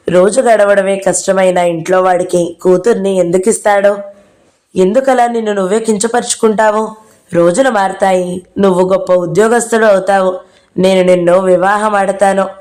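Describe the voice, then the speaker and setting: A woman's voice: medium pitch, steady tone, moderate pace, a little mellow. A woman narrating a novel aloud as an audio-book reader, reading out every character herself.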